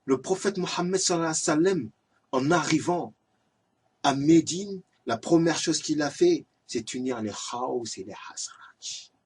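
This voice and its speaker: Amateur lay preacher, male, raspy and airy, exhorting, recorded from a distance. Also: on the high side, normal speed, a little mellow. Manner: earnest, exhorting, repetitive. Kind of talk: religious reminder talk.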